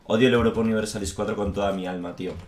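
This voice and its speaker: A man's voice: fairly low pitch, fairly even intonation, very fast, darkish tone, echoey room. A man from Spain commentating his strategy game with frequent swearing and repeated "tío", speaking in a frustrated, fed-up manner. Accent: Spain Spanish. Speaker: gaming YouTuber. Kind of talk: gameplay commentary.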